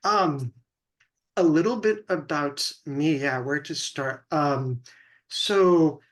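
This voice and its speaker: A man's voice: a little high, slow, a bit bright. A young man from California, a guest in an interview, talking earnestly and thoughtfully as he searches for words. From California, USA. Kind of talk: conversational interview.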